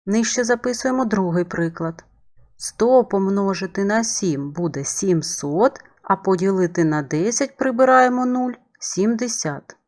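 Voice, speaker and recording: A woman's voice: medium pitch, lively intonation, a little slow, darkish tone. A woman math teacher giving a remote lesson voice-over, explaining each step patiently to young pupils.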